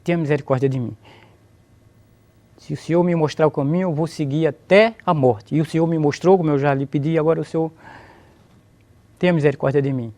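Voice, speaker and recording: Speaking fairly quickly but with long pauses, a Brazilian interviewee recounts his conversion in an emotional religious testimony, praising God and repeating phrases. His voice is a little high, steady and darkish in tone.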